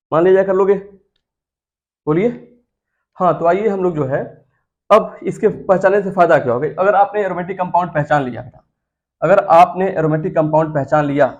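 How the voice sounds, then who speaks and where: A man's voice: high voice, lo-fi sound. A man teaching chemistry in a classroom lecture. He coaxes his students, repeats key terms and keeps asking them questions.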